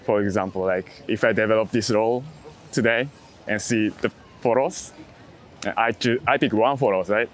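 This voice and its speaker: A street photographer from outside the US, with a fairly low-pitched voice at normal speed, is interviewed casually about his work. He reflects in short, hesitant fragments shaped by non-native English.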